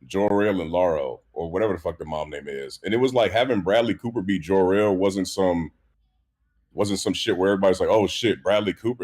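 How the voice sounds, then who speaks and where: A man co-hosting a podcast in casual chat, ranting in an animated, profane way with lots of restarts. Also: sits low. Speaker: podcast co-host.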